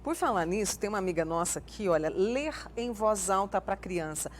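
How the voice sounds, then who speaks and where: A woman's voice: medium pitch, expressive, brisk, slight background noise. Brazilian woman hosting morning TV. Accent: Brazilian Portuguese. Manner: friendly, reads viewer questions aloud. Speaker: TV show host. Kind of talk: TV morning show interview.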